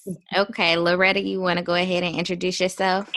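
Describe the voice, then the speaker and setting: A woman in her thirties hosting a casual podcast chat, relaxed and chatty with frequent ums. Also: fairly low pitch, fast talker, dry recording. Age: 30s. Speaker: podcast host.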